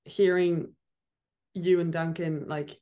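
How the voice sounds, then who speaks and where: A woman's voice: fairly low pitch, flat delivery, takes it slowly, mellow. A woman, speaking conversationally as an interviewer.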